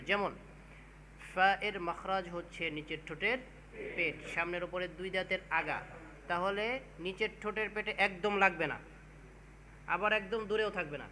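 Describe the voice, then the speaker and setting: A man teaching a Quran recitation class, chanting verses in drawn-out tones and drilling his students to repeat after him. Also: sits high. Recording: clear steady background noise.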